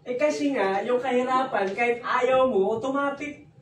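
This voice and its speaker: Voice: high-pitched, normal speed, distant mic. A business presenter giving a jokey seminar talk, who keeps quizzing a live audience in an office hall. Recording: roomy hall, recorded from afar with audience noise.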